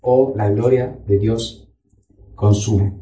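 A man's voice: lowish voice, steady tone, slow pace, mellow. A man preaching a sermon as a pastor, teaching a Bible study and reading scripture aloud. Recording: echoey room, voice from far off.

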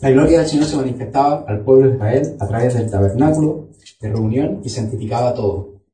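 A man's voice: mid-range voice, a little fast, mellow. Man preaching in an echoey hall. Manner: teaching Bible study, reads scripture aloud. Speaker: pastor. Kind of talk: sermon. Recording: echoey room, voice from far off.

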